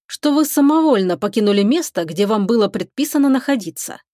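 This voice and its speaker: A woman reading the part of a stern male starship captain, with measured, clipped commands. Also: a little high, lively intonation, dark tone, no echo, clean studio sound, close to an everyday voice. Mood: cold.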